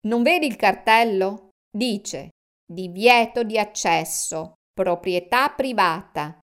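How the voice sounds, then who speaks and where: A loud, thundering male dump guard, as a woman puts him on for a storybook. He speaks in slow, emphatic bursts through a very smooth, clear voice. His temper is stern and heavy. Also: mid-range voice, lively intonation. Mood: angry. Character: angry burly male dump guard, booming.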